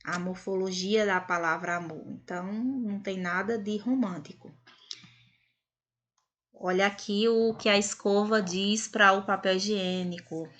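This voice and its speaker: A woman's voice: medium pitch, steady tone, unhurried, a bit bright. Woman teaching with "né?" tags. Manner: explanatory, frequent "né?" tag questions. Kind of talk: recorded grammar lesson.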